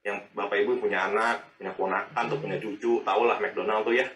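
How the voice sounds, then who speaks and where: A man, preaching a sermon in a lively, chatty way full of rhetorical questions. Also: fairly low pitch, fast talker, muffled recording. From Indonesia. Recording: echoey and distant.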